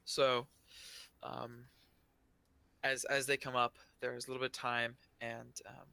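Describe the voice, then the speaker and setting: Slow, halting man narrating a tabletop game. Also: mid-range voice, level tone, creaky, sharp tone. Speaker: game master.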